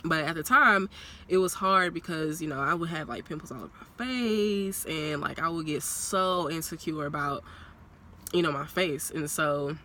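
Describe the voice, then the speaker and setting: Young woman talking into her phone in her car, kinda stuffy from a cold, bright voice, faint noise behind. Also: low-pitched, normal speed. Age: young adult. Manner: chatty, rambling, laughs often. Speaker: vlogger. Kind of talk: casual talking-head vlog. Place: parked car. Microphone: phone propped on a purse.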